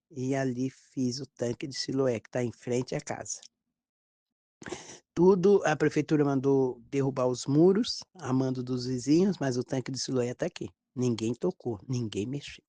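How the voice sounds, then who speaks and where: A woman pastor with a Brazilian accent, telling a testimony in a sermon, with lively storytelling and acted quotes. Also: a bass voice, no echo. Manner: storytelling, animated quoted dialogue.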